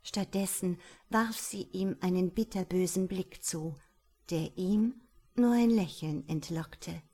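Slow, breathy woman narrating an audiobook. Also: lowish voice, mellow. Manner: breathy, intimate, at times half-whispered.

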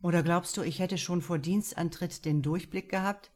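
A woman's voice: fairly low pitch, fairly even intonation, moderate pace, a little mellow, lightly acted. Woman reading a resigned, earnest cop. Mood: somber. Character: male police officer Theo, resigned and earnest. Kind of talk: audiobook dialogue reading.

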